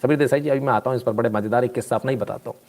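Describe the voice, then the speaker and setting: A man talks through viewer comments in a casual live stream. His delivery is animated and scolding, and he drifts into personal anecdotes. His voice sits at an ordinary middle pitch. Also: very fast.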